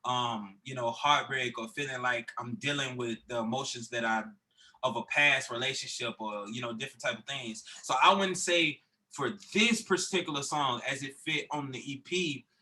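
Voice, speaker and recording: A man's voice: medium pitch, pushed and bright, poor audio. A man, a recording artist guest, talking casually in a podcast interview, loose and rambling with many fillers and restarts.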